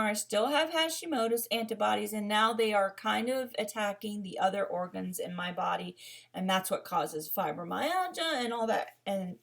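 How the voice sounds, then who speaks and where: A woman's voice: medium pitch, creaky, fairly bright tone. A woman in her thirties telling her own story in a casual vlog, rambling and candid, with many fillers and restarts. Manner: rambling and candid, with frequent fillers and self-corrections. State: emotional, near tears. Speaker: vlogger.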